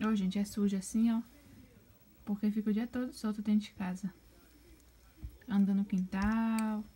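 A woman with a Brazilian Portuguese accent chatting casually in a home video, pointing things out and slipping into high baby talk for her pet bird. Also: steady tone, moderate pace, warm tone.

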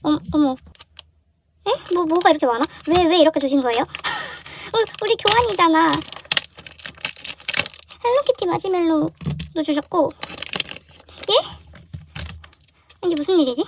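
A young woman with a high voice chats casually as she unboxes things at her desk. She is excitable and keeps breaking into surprised exclamations. Her voice is picked up by the camera mic indoors. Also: moderate pace, pauses often, background noise. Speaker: vlogger.

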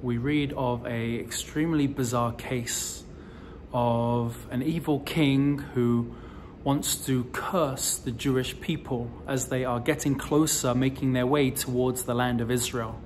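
Male rabbi, 40s, unhurried sermon delivery, medium pitch, faint background hiss, close phone mic. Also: fairly even intonation, darkish tone. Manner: slow, deliberate storytelling delivery with emphatic rises. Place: indoors in front of a decorative wall. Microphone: phone or camera close to the face, selfie framing.

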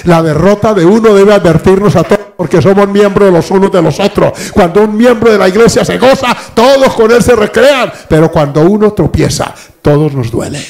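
A man's voice: high-pitched, moderate pace, creaky, hardly any pauses. An older man, preaching a sermon as pastor and acting out the dialogue of people in his stories. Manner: preaching with lively acted-out dialogue.

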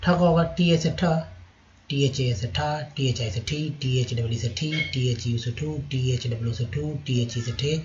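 A male teacher slowly reciting syllables one by one in a slide lesson, with a Hindi accent. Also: medium pitch, a little hiss or hum. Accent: Indian Hindi. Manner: slow, drawn-out syllable-by-syllable recitation. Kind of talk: slide-based spelling lesson. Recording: slightly muffled lo-fi recording.

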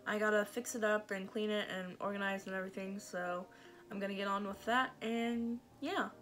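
A young woman narrating her vlog in an informal, low-key voice-over. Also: steady tone, moderate pace, fairly bright tone. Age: young adult. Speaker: vlogger.

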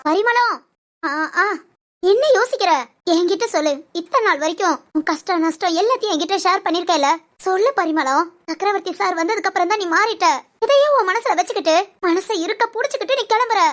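In an audio story role-play, a woman uses a very high, brisk, slightly bright voice to play a caring older friend. Coaxing and insistent, she keeps pressing and won't let the matter drop, talking like an elder who feels entitled to speak her mind.

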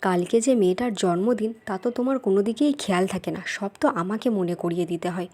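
A woman's voice: medium pitch, quick pace, dark tone. A woman voicing a busy young housewife in a doll-play drama, nagging and scolding the household. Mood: bossy.

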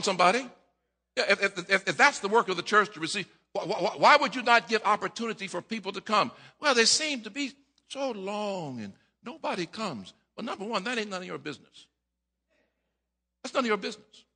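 Middle-aged male pastor, husky and sharp voice, dramatic sermon delivery, long church-hall reverb. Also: high voice. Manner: dramatic preaching, acting out voices, stammering repeats, rising to shouts. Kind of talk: preaching a sermon. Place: church sanctuary at a lectern.

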